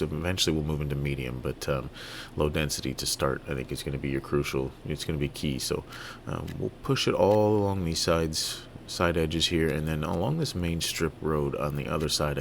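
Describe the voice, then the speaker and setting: Canadian man, very low gravelly voice, laid-back game commentary with lots of ums, faint hiss behind. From Toronto, Canada. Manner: relaxed, halting, many fillers and restarts. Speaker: gaming video creator. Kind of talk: casual let's-play commentary.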